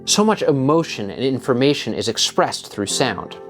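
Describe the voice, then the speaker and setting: A man's voice: medium pitch, big pitch swings, moderate pace, music in the background. A man hosting a design video, giving scripted narration with an explanatory, punchy delivery.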